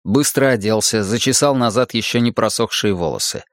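A man narrating a first-person audiobook in a measured, dramatic reading. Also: fairly low pitch, no echo, studio quality.

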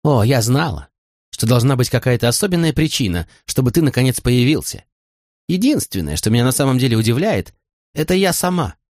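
A man's voice: medium pitch, very animated, very slow, hardly any pauses, no room sound, voice pushed up. A man lifts his voice into a young serving woman, hurt and resentful, speaking in a raised, lighter register. Her words come short and cold or spill out in long reproachful runs, voiced for an audiobook in a dry, close sound. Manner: cool and clipped, then pouring out reproach. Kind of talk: audiobook character voice.

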